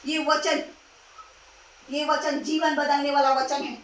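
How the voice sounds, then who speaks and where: High-pitched woman preaching, echoey and distant. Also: level tone, slow pace, slight background noise. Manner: exhorting, rhetorical questions, repeats phrases. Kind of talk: sermon.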